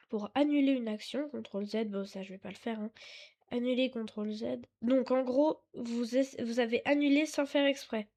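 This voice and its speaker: Woman tutorial host, unhurried and halting, mellow slightly high voice, apologetic, drifts off the desktop mic. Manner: hesitant, halting, full of fillers and self-corrections; apologetic and chatty. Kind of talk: casual screen-recorded tutorial. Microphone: desktop mic, sometimes too far away.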